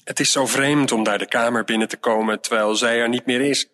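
A man reading a storybook aloud and voicing a fretful middle-aged mother who sighs and scolds as she clears out her late mother's room. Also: medium pitch, fairly even intonation, fairly quick, sharp tone, lightly acted. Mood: weary. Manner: exasperated, sighing, scolding.

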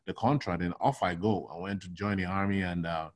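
A Nigerian logistics consultant in middle age chats casually during an interview, lively and constantly restarting with plenty of "you know." His voice sits low and his pace is brisk.

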